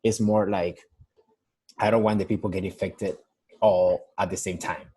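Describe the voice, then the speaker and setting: A man's voice: low voice, fairly even intonation, normal speed, dark tone, husky. A young man from Mexico with a Mexican Spanish accent, working as a nurse and talking casually on a phone call in a rambling way, full of restarts. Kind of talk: casual interview over a call. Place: San Diego.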